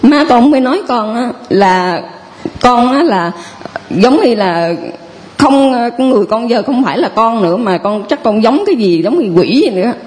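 A woman with a southern Vietnamese accent, a parishioner giving a personal testimony in a halting, rambling way with many restarts. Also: fairly high pitch, animated, a little mellow.

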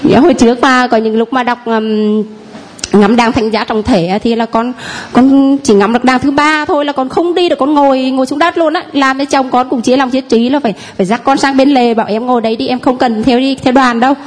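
A woman's voice: sits high, fairly even intonation, a little fast. A woman telling the priest and congregation about healings, speaking hesitantly with many fillers. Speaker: congregant giving testimony. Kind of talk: spoken testimony.

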